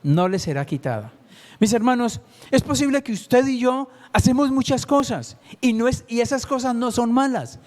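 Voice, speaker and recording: A man's voice: extremely high pitch, moderate pace, darkish tone. A man, preaching a Sunday sermon as a lay preacher and putting rhetorical questions to the congregation.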